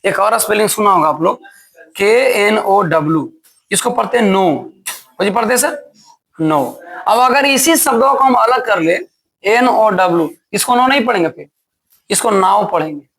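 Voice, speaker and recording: A man's voice: high-pitched, animated, normal speed, creaky, a bit bright. Male teacher, classroom grammar lesson, drills students with questions and answers them himself.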